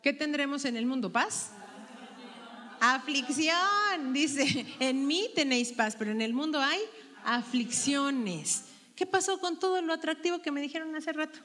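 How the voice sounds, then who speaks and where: A woman guides a Bible study. Her voice sits slightly high, and she keeps tossing questions back to the group. The room around her carries a long, lingering reverb. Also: a little fast, a bit bright. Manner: asks the group questions and tags them with "¿verdad?".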